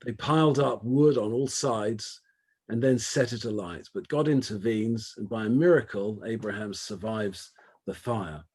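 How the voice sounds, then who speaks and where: A man giving an academic lecture, speaking in a measured, emphatic way and building points through rhetorical lists. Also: fairly low pitch, a little mellow, slightly rough.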